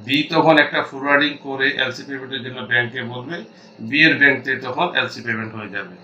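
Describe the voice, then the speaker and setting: An accounting instructor with a Bangladeshi accent explains things in an informal tutorial, thinking aloud haltingly and mixing in English terms. His medium-pitched voice is bright and forceful, and the audio has its highs cut off.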